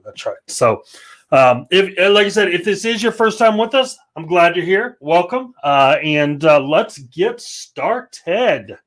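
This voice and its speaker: Male host, casual live tech demo from a home office, joking and loose, voice sits high. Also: fairly bright tone. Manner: joking, rambling, self-deprecating. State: slightly out of breath. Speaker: host of a developer livestream.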